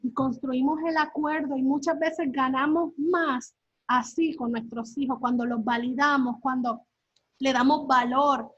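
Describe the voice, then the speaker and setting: Earnest high-voiced woman on a call. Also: steady tone, a little slow, husky, no echo, dull audio. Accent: Latin American Spanish. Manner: earnest, with many fillers and tag questions. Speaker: workshop speaker.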